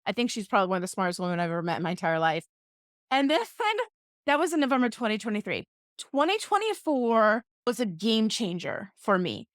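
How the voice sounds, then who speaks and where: A woman's voice: medium pitch, sing-song, brisk, no echo, studio quality. A woman hosting a podcast, telling a story in a playful, self-mocking, casual way. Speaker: podcast host.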